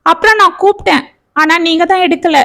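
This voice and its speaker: A woman voicing a young wife who pleads her innocence in a high, tearful voice. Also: fairly quick, vocal fry, pushed and bright, exaggerated voice. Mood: pleading.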